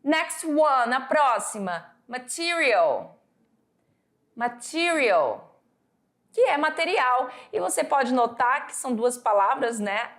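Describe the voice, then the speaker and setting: A Brazilian woman teaching English vocabulary, slowly drilling words for students to repeat after her. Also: high-pitched, lively intonation, a bit bright. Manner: slow, drawn-out word drills for students to repeat. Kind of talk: recorded classroom lesson.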